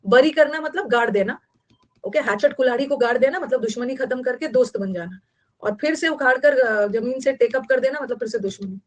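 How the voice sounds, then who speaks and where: An Indian woman teacher, likely in her thirties, leads a vocabulary lesson in a slightly higher voice. She explains words patiently and repeats each term and meaning several times. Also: brisk. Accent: Indian English. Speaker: English teacher. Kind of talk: online class lecture.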